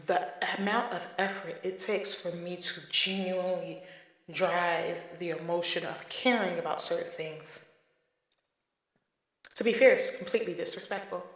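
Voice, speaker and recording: A podcast host in their thirties delivers a casual, emphatic solo monologue in a mid-range, slightly bright voice. The room is echoey, with long reverb.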